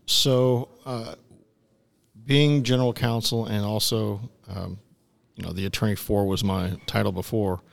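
Casting: middle-aged male interview guest, attorney type, lowish gravelly voice, conversational delivery. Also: steady tone, unhurried, no echo.

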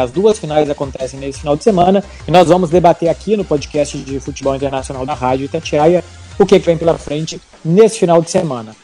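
Mellow Brazilian man hosting sports talk. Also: fairly high pitch, breathy edge. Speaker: podcast host. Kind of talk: conversational sports discussion.

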